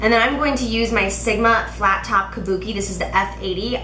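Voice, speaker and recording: Nasal, bright-voiced woman chatting through a tutorial. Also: medium pitch, fairly quick. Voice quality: nasal, congested. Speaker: makeup tutorial host. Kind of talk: casual tutorial chat to camera. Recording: roomy echo, faint background noise.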